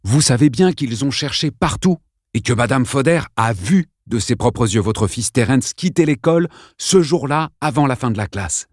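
Un homme qui lit un livre audio et prête sa voix à un policier posé et conciliant, qui tente d'apaiser la dispute. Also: male voice, mid-range voice, expressive, moderate pace, dry recording, clean studio sound, pitched above the performer's own voice, lightly acted. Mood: apaisant. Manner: apaisant, conciliant.

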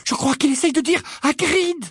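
A man's voice: very high-pitched, normal speed, a bit bright, dry recording, studio quality, pitched above the performer's own voice. A man voicing a frightened, clever teenage girl who stammers and sounds breathless, in an audiobook. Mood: urgent whisper.

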